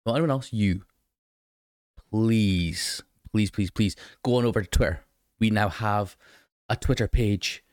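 A man with a hoarse, croaky voice hosting a casual solo podcast, chatting to listeners with plenty of ums. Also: fairly low pitch, a little slow, pauses often, a little mellow, no room sound, clean studio sound. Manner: chatty, lots of ums, talks straight to listeners. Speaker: podcast host.

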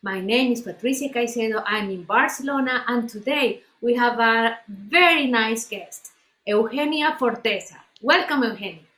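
Woman hosting a podcast, fairly high voice, friendly questions, echoey sound. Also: normal speed, bright, forceful tone. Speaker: podcast host. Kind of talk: podcast interview. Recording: roomy echo.

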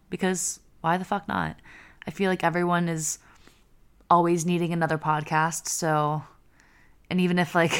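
A woman in her twenties hosts a casual podcast and reads stories aloud. She is congested and a bit nasal, with a low, gravelly voice full of vocal fry. Her talk is loose, and she swears freely. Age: 20s. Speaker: podcast host. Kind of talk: casual podcast chat and story reading.

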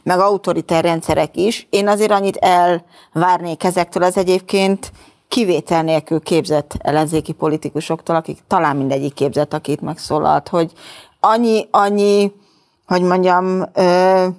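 Firm, low-voiced female analyst. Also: steady tone, a little mellow. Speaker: political scientist guest. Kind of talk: studio political discussion. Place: studio.

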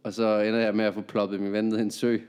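A man, a comedian and podcast guest, telling a story in a lively, laughing way. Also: on the low side, clear, resonant tone. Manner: animated, laughing anecdote telling.

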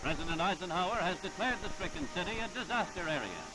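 A man's voice: sits high, lively intonation, fast talker, poor audio. A man narrating an old archival newsreel in a formal, dramatic announcer delivery. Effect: old archival newsreel sound. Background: music under the narration.

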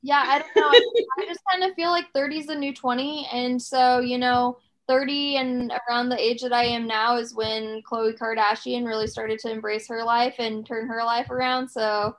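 A woman's voice: fairly high pitch, little pitch movement, normal speed, few pauses, fairly bright tone, low-quality recording. A woman in her thirties co-hosting a podcast, chatting casually and rambling with plenty of fillers and restarts. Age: 30s. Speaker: podcast co-host. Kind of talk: casual chat.

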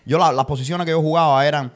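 A man's voice: on the high side, fairly even intonation, quick pace. A man, hosting a podcast interview in a joking, playful way with English words mixed in. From Cuba. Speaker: podcast host.

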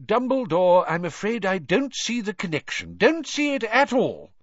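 Brief: a man voicing a fussy official, raised and indignant, lively pitch, dull dry audiobook sound. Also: moderate pace, no room sound. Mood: blustering. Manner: blustering, indignant, high-pitched. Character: flustered pompous male government minister.

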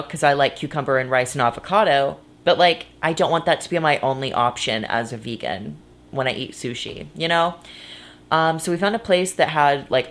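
Female vlogger, 20s: low voice with vocal fry, loose conversational delivery, self-interrupting, casual swearing. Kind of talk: casual, rambling personal vlog chat. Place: in bed indoors.

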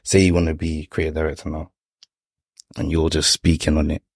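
Young man, London accent, deep husky voice, reflective, conversational, casual motivational talk, tag questions. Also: completely flat delivery, brisk, no room sound, studio quality.

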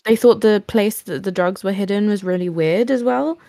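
Woman co-host, chatty, mid-pitched, dry close sound. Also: moderate pace, mellow, no room sound. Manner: chatty, adds details eagerly. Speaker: podcast co-host. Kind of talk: casual chat.

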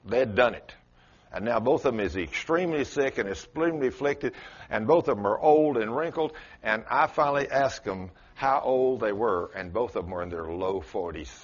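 A man's voice: mid-range voice, lively intonation, moderate pace, highs cut off. Folksy preacher man in his sixties. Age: 60s. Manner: folksy preaching, quizzes the congregation, rises to loud exclamations. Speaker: pastor. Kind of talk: sermon.

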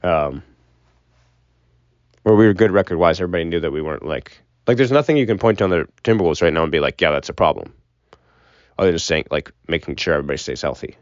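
A man's voice: low-pitched, lively intonation, quick pace, no room sound. A young man rambling casually and with opinions about sports as a solo podcast host, swearing now and then, recorded inside a closet. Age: young adult. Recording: muffled closet recording, dull and dry.

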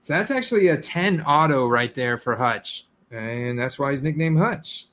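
A man in the middle of a casual card reveal, chatting directly to the people watching at an everyday middle pitch. His talk is loose and conversational, and he jumps quickly into excited outbursts when something catches him. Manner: excitable, talks straight to viewers, quick swings into exclamations. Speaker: sports card collector host. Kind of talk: casual unboxing chat to viewers.

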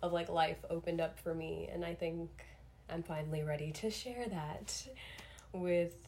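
Young woman podcasting alone, lowish voice, kinda sick, rambly and self-reflective, super casual. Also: steady tone, unhurried, vocal fry, darkish tone, slight background noise. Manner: rambling, self-reflective, uses slangy filler "like". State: under the weather, throat-clearing. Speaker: solo podcast host. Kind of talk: casual introspective podcast monologue.

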